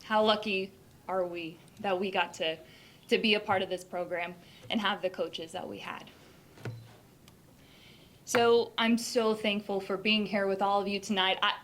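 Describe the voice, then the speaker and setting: A young woman, a former player, giving a hall of fame acceptance speech with polished presenter diction, her voice leaping up when she gets excited. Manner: animated, leaps up in pitch when excited.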